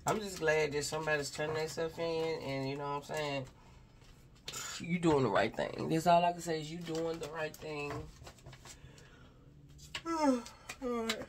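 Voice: medium pitch, a little slow, pauses often, slight background noise. Rambling spiritual advisor speaking casually. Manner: rambling, repeats "you know what I'm saying"; speaks straight to an unseen person, sighs between thoughts. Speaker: spiritual advisor giving a reading. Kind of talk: casual spoken reading to viewers.

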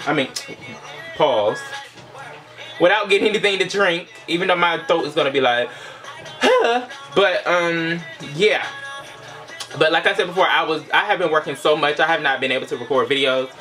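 Young man, bright forceful voice, slightly high pitch, casual vlogger chat, playful, indoors. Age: young adult. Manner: informal, playful asides with swearing. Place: small indoor room.

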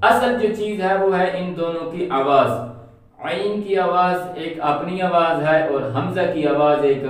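A man's voice: a little high, recorded from a distance. A man teaching Quran recitation, patiently explaining and drawing out letter sounds to demonstrate them. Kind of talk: explanatory lesson. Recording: echoey room, voice off-mic.

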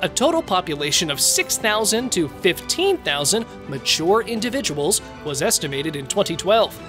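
Male narrator, nature documentary script, high voice, animated melody, music underneath. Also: normal speed.

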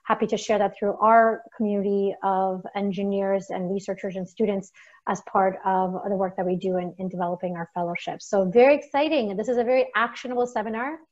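A woman hosting an online seminar, wrapping up with thanks and announcements in a measured way over a video call. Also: mid-range voice, steady tone, darkish tone. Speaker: webinar host. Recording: dull lo-fi call audio.

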